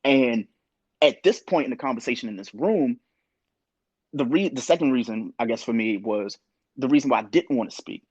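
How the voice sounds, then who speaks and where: A young adult man co-hosting a podcast, talking in an animated, opinionated way and sometimes quoting others. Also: medium pitch, normal speed, breathy edge, no echo, highs cut off. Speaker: podcast co-host. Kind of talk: casual podcast discussion.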